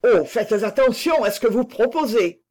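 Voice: mid-range voice, expressive, normal speed, a little mellow, pitched above the performer's own voice, natural voice. A reader voicing a nobleman torn by love, speaking in a breathless, exclamatory way. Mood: overwhelmed.

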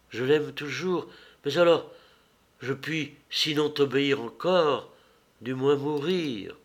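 A devoted young Greek woman, timid and pleading, as a male audiobook reader gives her lines. She speaks slowly in a slightly high, tender voice. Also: vocal fry. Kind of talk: audiobook reading.

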